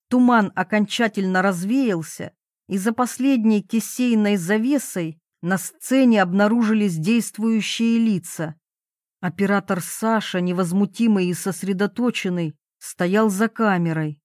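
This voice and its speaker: Slow, expressive woman audiobook narrator. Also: mid-range voice, no echo, studio quality. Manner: expressive storytelling, acting out dialogue. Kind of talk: scripted narration.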